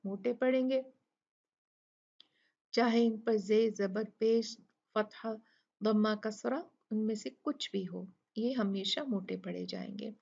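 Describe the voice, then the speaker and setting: A woman teaching a recitation lesson, asking questions and answering them herself, and slowly sounding out example words. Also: mid-range voice, creaky, darkish tone. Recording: dull lo-fi recording.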